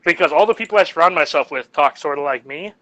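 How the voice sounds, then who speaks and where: A man's voice: on the high side, fast, fairly bright tone, no room sound, dull audio. A man co-hosting a podcast in casual chat, rambling and jokey. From United States. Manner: rambling and jokey, laughs at his own jokes. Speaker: podcast co-host.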